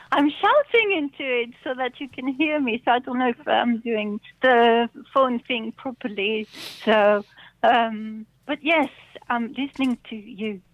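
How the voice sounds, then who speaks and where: A middle-aged woman calling in over the phone, talking in a hesitant, halting way and laughing often. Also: a little high, no echo. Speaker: caller. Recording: dull phone line, dry.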